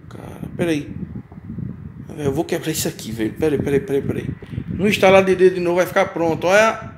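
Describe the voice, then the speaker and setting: A Brazilian man with a Brazilian Portuguese accent and a fairly high voice talks through an unedited unboxing vlog, exclaiming loudly and then dropping to low mutters as he works the box open. He is moved almost to tears. The home recording is noisy, with clicks and handling sounds. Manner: excitable, chatty, exclaims often, drops to mutters while fiddling with the box. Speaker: YouTube vlogger unboxing a fan's gift. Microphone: handheld phone or camera, shaky.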